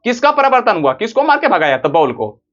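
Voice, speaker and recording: Guy teaching physics, fairly high voice, keeps quizzing the class, kinda dull lo-fi sound. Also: very animated, brisk, fairly bright tone. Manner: rustic, joking teacher who keeps asking questions and answering them himself. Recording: dull lo-fi recording.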